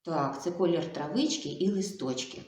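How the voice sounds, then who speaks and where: A woman speech therapist giving a video lesson to young children, slow and coaxing, full of sing-song diminutives. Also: sits low, animated, darkish tone. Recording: echoey room.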